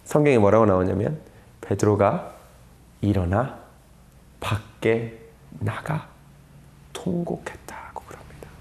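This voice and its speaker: 생동감 있게 설교하는 남성 성경 강사. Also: male voice, mid-range voice, vocal fry, warm tone. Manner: storytelling with dramatic pauses, drops to a whisper for emphasis; acts out quoted lines, asks the audience questions. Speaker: Bible teacher. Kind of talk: Bible lecture sermon.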